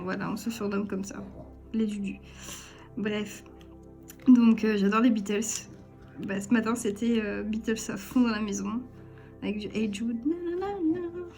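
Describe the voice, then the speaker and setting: A young woman chatting casually to camera at home as a vlogger, giggly and self-deprecating. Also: medium pitch. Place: at home, at a table. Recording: faint music underneath. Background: soft background music.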